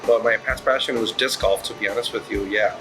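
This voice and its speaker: A man's voice: on the low side, fairly even intonation, fairly quick, rough recording. A middle-aged man from Puerto Rico, a restaurant managing partner, answering interview questions in a rambling way with many fillers and restarts. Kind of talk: casual interview. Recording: music playing underneath.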